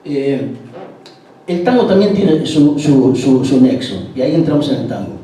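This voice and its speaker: A man's voice: medium pitch, animated, moderate pace, warm tone. A man telling anecdotes to an audience at a tango event, with many hesitations, heard from a distance. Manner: anecdotal, acts out quoted dialogue, many hesitations. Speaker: guest speaker at a tango event. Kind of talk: storytelling talk to an audience. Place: event hall. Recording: distant, very echoey hall, faint background noise.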